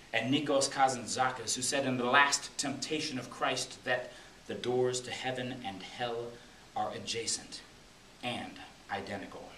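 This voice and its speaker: Reading his own spoken-word piece in a public library room during a poetry reading, a middle-aged American man uses a dramatic, rhythmic delivery that rises and falls. His voice is medium in pitch with a fairly bright tone. The recording has a faraway mic, an echoey room, and a faint hiss.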